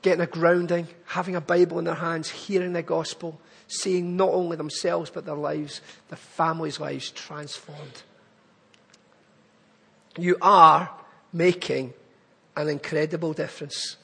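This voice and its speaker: A man's voice: fairly high pitch, flat delivery, a little slow, creaky, bright, forceful tone, slightly rough, long reverb tail. A man with a Glaswegian Scottish accent, giving an earnest church appeal talk that addresses the congregation directly. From Glasgow, Scotland. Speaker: charity speaker at a church. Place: church hall.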